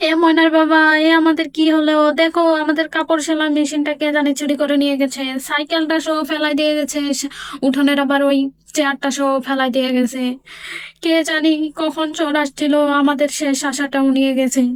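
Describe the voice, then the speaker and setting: A woman's voice: sits high, flat delivery, a little fast, no echo, studio quality, close to an everyday voice. Worried village mother, voiced by a woman. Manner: worried, emotional. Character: poor village mother, hardworking, distraught. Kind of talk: doll story drama.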